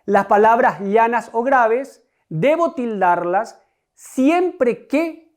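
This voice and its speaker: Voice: mid-range voice, lively intonation. Una persona docente que da una clase de gramática grabada para escolares, con tono deliberado y explicativo, repitiendo los conceptos clave y dirigiéndose a los alumnos. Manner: deliberate, explanatory, repeats key concepts; addresses students directly. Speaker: teacher. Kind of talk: recorded online grammar lesson.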